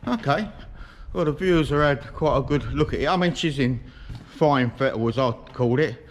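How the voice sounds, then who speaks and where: A British man with slurred, toothless diction casually hosts a farm-visit vlog, his mid-range voice animated at a moderate pace. He moves around a working farm yard and sheds, and the on-location camera sound is noisy.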